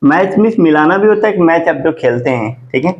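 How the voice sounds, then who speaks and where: A man teaching a classroom grammar lesson. He asks his students questions and answers them himself, and he spells words out slowly. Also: fairly high pitch, animated. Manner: drawn-out slow spelling of words. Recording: dull lo-fi classroom recording.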